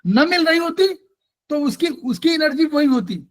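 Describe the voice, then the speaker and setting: High-voiced man teaching acupressure. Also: animated, moderate pace. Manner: patient, explanatory, quizzes students. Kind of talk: online class lecture.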